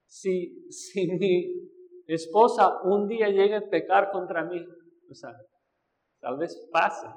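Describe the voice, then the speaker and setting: A man's voice: high-pitched, takes it slowly, darkish tone. A male pastor preaching a sermon, who asks the congregation questions and acts out the voices he quotes. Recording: echoey hall with long reverb.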